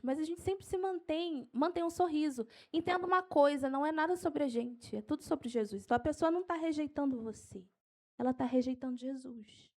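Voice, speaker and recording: A woman evangelist teaching an evangelism training at church, animated and quick to get carried away, then slowing down to dictate Bible verses. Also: sits high. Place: church hall.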